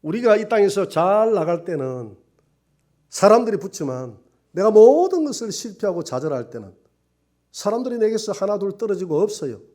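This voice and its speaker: A male pastor preaching a Sunday sermon with strong emotion, swinging between soft and loud passages. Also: high-pitched, big pitch swings, normal speed.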